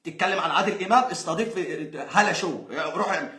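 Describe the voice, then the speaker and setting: Egyptian guy venting, super fast, sarcastic, kinda high pitched. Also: a crowd in the background. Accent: Egyptian Arabic. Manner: exasperated, sarcastic, laughs mid-rant. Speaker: football fan vlogger. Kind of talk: angry ranting monologue. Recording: roomy echo.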